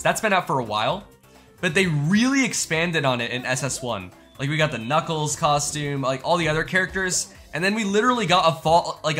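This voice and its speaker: A young man with a fairly high pitch gives casual reaction commentary as a gaming YouTuber. He's informal and slangy, thinking out loud as he goes.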